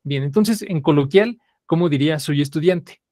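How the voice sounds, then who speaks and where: A man's voice: fairly high pitch, moderate pace, dark tone, dry recording, clean studio sound. A man teaching a live language class, repeating students' answers and saying "ajá" constantly.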